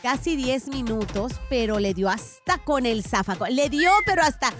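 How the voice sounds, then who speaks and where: A woman with a high voice presents celebrity gossip on the radio. She is expressive and teasing, talking conversationally over a light music bed. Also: normal speed. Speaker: radio gossip segment host.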